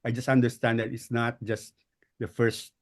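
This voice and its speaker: Filipino male guest speaker, average pitch, explanatory delivery with frequent pauses and repeated words. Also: level tone. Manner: hesitant, pausing and repeating words. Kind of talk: explanatory political talk. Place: online group call.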